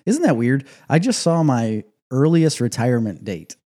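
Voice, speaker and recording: A man's voice: medium pitch, big pitch swings, normal speed, warm tone. A man in his forties hosting a casual podcast chat, joking and rambling. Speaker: podcast host. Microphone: headset.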